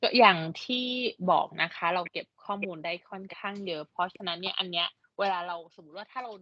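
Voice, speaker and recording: Fast-talking Thai-native woman interpreting on a video call, somewhat low voice, dry lo-fi call audio. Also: steady tone, no echo. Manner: rapid restating and checking of points.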